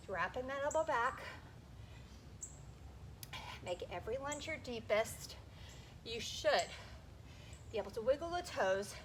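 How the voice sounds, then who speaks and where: Female aerobics instructor, slightly high voice, encouraging cues and countdowns while exercising; noisy outdoor backyard recording. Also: fairly bright tone. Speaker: fitness instructor.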